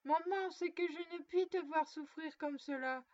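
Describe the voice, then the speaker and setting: Storybook: a woman reads a frightened nine-year-old girl, tearful, high and pleading. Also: normal speed, a little mellow. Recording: dull dry lo-fi recording.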